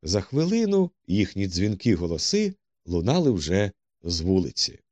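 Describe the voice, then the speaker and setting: A man's voice: sits low, wildly swooping pitch, moderate pace, darkish tone, no echo. A man narrating an audiobook expressively on a close studio mic.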